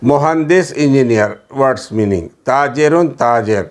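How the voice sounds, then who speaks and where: In a classroom, a medium-pitched Arabic teacher runs a steady drill, saying each word and then its meaning again and again. His speech carries a Hyderabadi Urdu accent and some English words.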